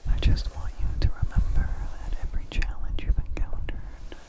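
A man giving a whispered ASMR pep talk, soothing and reassuring, speaking softly without voice up close to the microphone. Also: moderate pace. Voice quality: unvoiced whisper. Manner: soothing, reassuring, repeats short phrases. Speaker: ASMR performer.

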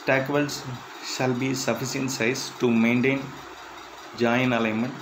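A man reading interview questions and answers aloud in a plain, measured way, with slightly halting phrasing. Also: mid-range voice, little pitch movement, noisy background. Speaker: instructor.

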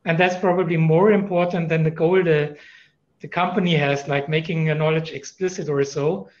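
A man's voice: a little high, steady tone, moderate pace, muffled recording. A man with a German accent speaking as a panelist in a conference discussion over a video call, thoughtful, with many fillers and restarts.

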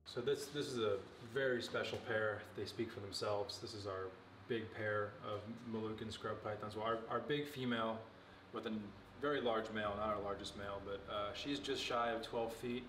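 A young man in his twenties casually showing and explaining snakes in an indoor reptile room, relaxed and knowledgeable, with many fillers. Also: lowish voice, normal speed, few pauses, far from the mic, a little hiss or hum. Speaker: facility owner giving a tour. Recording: echoey room, off-mic, music behind.

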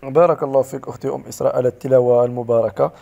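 A man teaching recitation who patiently corrects his students. He slows right down to model each sound. His voice is mellow and warm, at a middle pitch. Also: steady tone, creaky.

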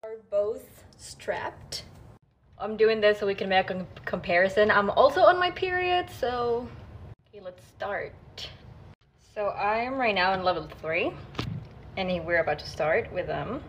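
Young woman, mid-pitched voice, casual vlog chat, faint background noise. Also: a little slow, pauses often. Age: young adult. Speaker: social media creator. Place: indoor room at home.

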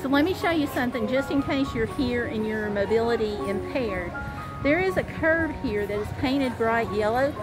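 Out on small-town streets at night, a middle-aged travel vlogger narrates a casual sightseeing tour, reading out signs and highlighting sights. Her fairly high voice has lively intonation at a normal speed, competing with loud music. The low-quality audio comes from a handheld camera held at arm's length.

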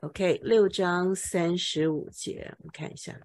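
A woman's voice: fairly low pitch, fairly even intonation, a little slow, a little mellow. A woman tutoring English vocabulary, patiently explaining word meanings and checking for understanding with frequent OK. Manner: patient, repeats key words with OK checks.

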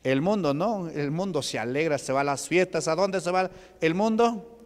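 A man's voice: fairly high pitch, moderate pace. A male pastor preaching a Pentecostal sermon in a church hall, asking the congregation questions. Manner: asks the congregation rhetorical questions. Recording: echoey church hall with long reverb.

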